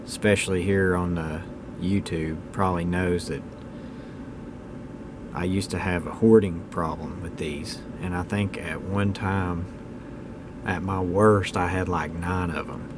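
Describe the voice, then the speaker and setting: A man in his thirties gives a casual, unscripted hobbyist video talk indoors at home. His voice is deep, his manner plainspoken, opinionated and folksy, and the background is noisy.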